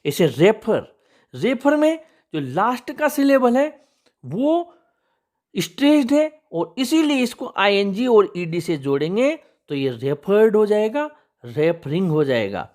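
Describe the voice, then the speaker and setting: A male English teacher giving a lesson, his pitch rising and falling in an animated way as he explains. He takes each example step by step, patient and methodical, and now and then calls out to his viewers as friends. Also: unhurried. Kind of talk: explaining spelling rules.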